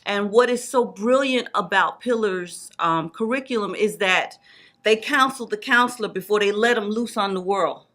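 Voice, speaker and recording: A woman in her forties, a guest evangelist and student, gives personal testimony with emphatic, repeated religious phrasing. Her mid-range voice is fairly bright and moves at a normal speed.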